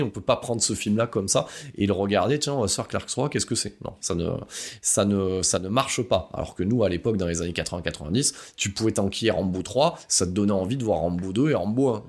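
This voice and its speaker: A man's voice: fairly low pitch, vocal fry, darkish tone. A man hosting a casual film review podcast, rambling with many hesitations and wry asides. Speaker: podcast host.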